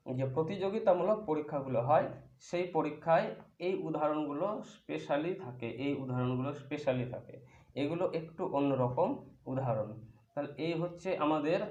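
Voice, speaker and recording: A man's voice: fairly high pitch, darkish tone. Man teaching grammar in an echoey room. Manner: patient, explains step by step with examples. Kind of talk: explanatory grammar lesson. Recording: echoey room, dull lo-fi sound.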